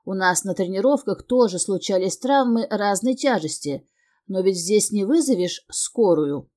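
A woman narrating a fantasy novel in the first person with steady, expressive storytelling. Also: mid-range voice, moderate pace. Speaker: audiobook narrator.

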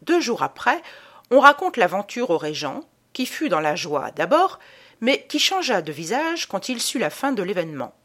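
A woman's voice: medium pitch, big pitch swings, moderate pace, fairly bright tone. A woman reading a jaunty Parisian storyteller. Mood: amused. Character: Parisian man telling a roguish tale. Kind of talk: audiobook reading.

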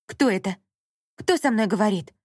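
A woman voicing an indignant, quick-tempered young woman in an audiobook scene. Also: mid-range voice, expressive, a little mellow, breathy edge, dry recording, clean studio sound. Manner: exclaiming, indignant.

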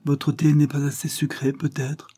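Un homme jouant un jeune avoué calme et ferme. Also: male voice, fairly high pitch, moderate pace, husky, pitched above the performer's own voice. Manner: firm, evasive, good-humoured. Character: calm self-possessed young male lawyer.

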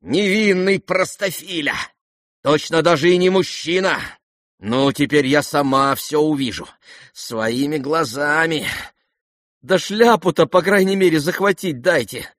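A man voicing an irascible aristocratic older woman who scolds and shouts imperiously in an audiobook. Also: a little high, measured pace, no room sound, clean studio sound, pitched above the performer's own voice. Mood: agitated. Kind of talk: audiobook character voice.

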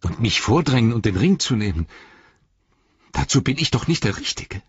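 A loyal young hobbit servant in anguish, pleading and arguing with himself, as a male reader puts him on. The voice rises high and strained over a very husky grain. The audiobook recording is dry and dull. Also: sing-song, normal speed, no echo, full character voice. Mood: despairing.

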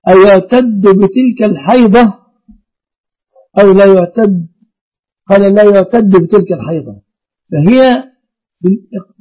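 A man's voice: sits high, highs cut off. A man, a sheikh who answers callers' religious questions in a didactic, emphatic way and checks that the listener is following. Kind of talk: call-in religious Q&A.

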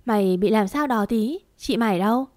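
A woman's voice: on the high side, moderate pace, a little mellow, no room sound, clean studio sound, close to an everyday voice. A woman narrating a storybook and voicing a blunt neighbor woman who asks pointed questions. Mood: questioning.

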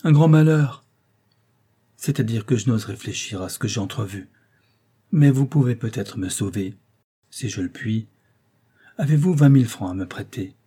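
A man reading the part of a young, flighty viscountess who pleads in tears, high-strung and urgent. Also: lively intonation, normal speed, pauses often, mellow, slightly rough. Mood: urgent pleading.

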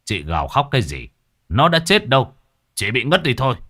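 A man voicing an old village exorcist who speaks in a stern, commanding, measured way. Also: on the low side, very animated, a bit bright.

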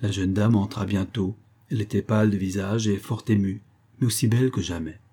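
A man narrating a classic novel for an audiobook at a measured, even storytelling pace. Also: fairly low pitch, slightly rough.

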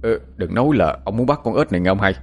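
A man's voice: lowish voice, expressive, lo-fi sound, soft background music. A man playing a jittery, stammering young villager. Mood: anxious pleading. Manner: fast, pleading, stammering.

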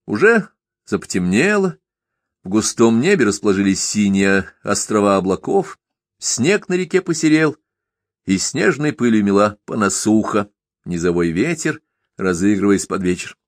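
A man narrating a historical novel as an audiobook in an even storytelling manner. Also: on the low side, moderate pace, no room sound, studio quality.

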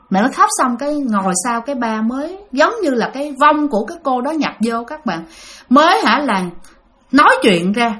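A woman's voice: a little high, fairly bright tone. Chatty woman storyteller. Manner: chatty, addresses listeners directly, many fillers. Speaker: storyteller host. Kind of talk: casual spoken ghost story narration.

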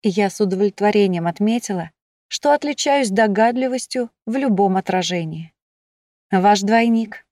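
A woman narrates a novel slowly and with measured expression. Her voice sits at an ordinary pitch, and the recording is dry and close. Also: animated, a little mellow, no echo. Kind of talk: audiobook narration.

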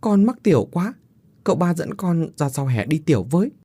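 A man's voice: on the high side, sing-song, moderate pace, dark tone, slightly rough, no echo, studio quality, pitched above the performer's own voice, exaggerated voice. A man voicing a frightened little village boy who whimpers and pleads. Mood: pleading.

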